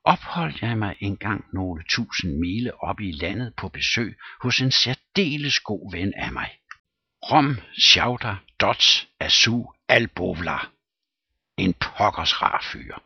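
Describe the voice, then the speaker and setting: A man's voice: on the low side, expressive, creaky, husky, no echo, heavily acted. Man playing a boastful sea captain spinning yarns. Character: boastful male sea captain telling a tall tale. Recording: dull lo-fi recording.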